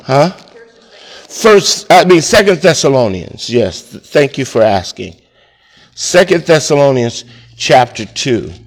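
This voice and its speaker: A man preaching as a pastor in a Bible study, talking slowly with many fillers and self-corrections. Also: mid-range voice, very animated.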